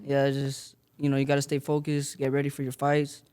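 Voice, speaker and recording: A man's voice: mid-range voice, monotone, brisk, a little mellow, smooth. A young man from Las Vegas, giving modest, filler-laden answers as a boxer in an interview. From Las Vegas, Nevada. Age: young adult. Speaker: boxer guest.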